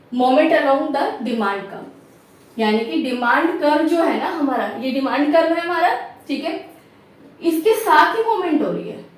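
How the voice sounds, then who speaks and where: A woman's voice: high-pitched, distant mic. A woman teacher explaining a lesson step by step, often checking understanding and asking rhetorical questions. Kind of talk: classroom lecture. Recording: echoey room, voice off-mic.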